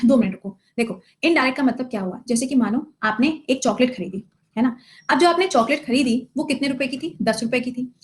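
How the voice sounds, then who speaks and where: A woman teacher giving a live online lesson, asking her students questions, answering them herself, and teasing them playfully. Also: high voice. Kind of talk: live online class lecture.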